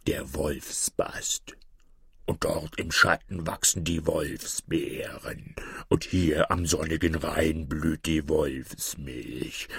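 A man voicing a cunning, mocking wolf in a fairy-tale reading, slipping into hushed whispers. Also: very deep voice, gravelly, breathy edge, no echo, clean studio sound, pitched below the performer's own voice, full character voice. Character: sly cunning big bad wolf, male.

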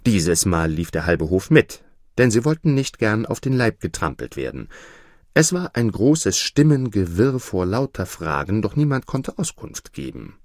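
A man reading a fairy tale aloud in a slow, expressive storybook manner. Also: on the low side, dry recording. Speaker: narrator.

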